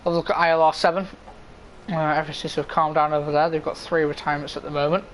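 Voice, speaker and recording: A man's voice: on the high side, level tone, racing, slight background noise. A man giving informal live motorsport commentary on an online racing game.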